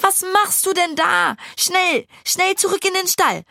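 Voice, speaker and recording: Shrill, desperate young girl voiced by a woman. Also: measured pace, vocal fry, pushed and bright, dry recording, studio quality, heavily acted. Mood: alarmed. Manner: shrill, pleading, near tears. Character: upset young girl chasing a pig.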